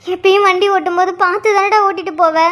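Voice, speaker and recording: A woman's voice: extremely high pitch, steady tone, fast, fairly bright tone. A woman doing a scolding worried cartoon mother. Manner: scolding, tearful. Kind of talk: cartoon voice acting.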